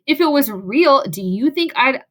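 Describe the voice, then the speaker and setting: A woman voicing a cranky old man who hates children, talking slowly in a mean, gruff way. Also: high voice, animated. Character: cranky old man running a gold mine.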